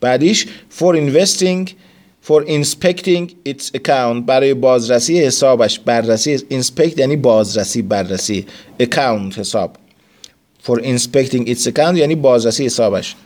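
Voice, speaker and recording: Man, teacher type, walks the class through word forms one at a time and reads each English phrase slowly before translating it. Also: medium pitch, a little mellow. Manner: explains word forms step by step, mixes in English terms. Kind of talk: classroom vocabulary lesson.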